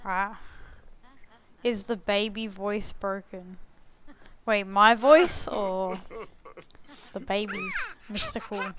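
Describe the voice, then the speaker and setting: A woman's voice: mid-range voice, lively intonation, slow, long pauses, fairly bright tone. A young woman, chatting blunt and crude as she plays a life-sim game, swearing and laughing freely. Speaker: gaming streamer. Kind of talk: casual gameplay commentary.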